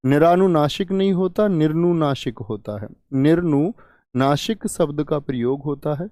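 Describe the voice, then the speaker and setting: In a live online exam-prep class, a man teaches Hindi grammar, asking questions and answering them himself while repeating key words. His voice is warm and on the high side, captured at studio quality with no echo.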